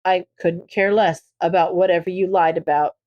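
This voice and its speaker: A woman reading aloud and voicing a big, kind older male hero who gently speaks as a fatherly mentor. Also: fairly even intonation, normal speed, dull audio, natural voice. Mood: gentle concern. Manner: gentle, low and protective.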